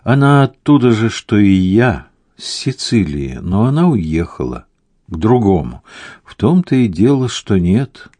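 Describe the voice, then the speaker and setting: A man voicing a melancholy Sicilian man recalling a lost love in a slow, reflective way. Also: fairly low pitch, very animated, dark tone, dry recording. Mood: wistful.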